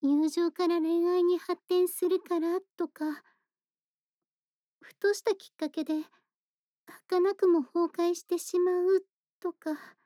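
Lady doing a shy earnest young girl friend at bedtime, super high soft voice, slow and polite, kinda hesitant, audio roleplay. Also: level tone, dry recording, studio quality. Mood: earnest, reflective. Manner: polite, measured, thoughtful, hesitant. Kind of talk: soft bedtime voice-acted role-play, intimate monologue.

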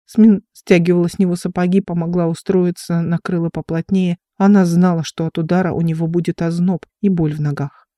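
Mellow-voiced audiobook narrator. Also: mid-range voice, flat delivery, a little fast, hardly any pauses, dry recording, studio quality. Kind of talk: scripted narration.

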